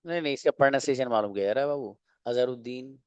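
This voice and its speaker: A man's voice: medium pitch, darkish tone, clear, resonant tone, dry recording, highs cut off. Man teaching english online, dry sound. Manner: explains slowly, asks and answers own questions. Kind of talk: online class lecture.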